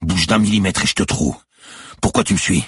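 A man's voice: a bass voice, brisk, breathy edge, dry recording, studio quality, voice pushed up, exaggerated voice. A man reading an audiobook, voicing a blunt male police lieutenant who questions curtly. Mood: hard. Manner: curt, commanding, interrogating.

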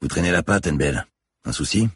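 A man voicing a gruff male police lieutenant who talks in a hard, curt tone, in an audiobook thriller. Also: rumbling low, lively intonation, brisk, no room sound, studio quality, pitched above the performer's own voice, full character voice.

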